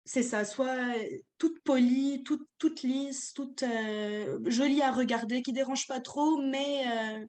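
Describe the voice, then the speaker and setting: A woman's voice: sits high, slow pace, a little mellow. A woman poet speaking on an online panel, hesitant and full of fillers.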